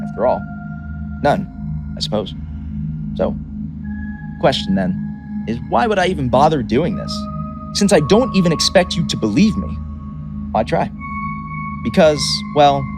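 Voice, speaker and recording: A man's voice: medium pitch, natural voice. A man voicing a grandiose, mercurial chaos god and toymaker, theatrical and boastful, turning chatty and wry. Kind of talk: dramatic reading. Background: music.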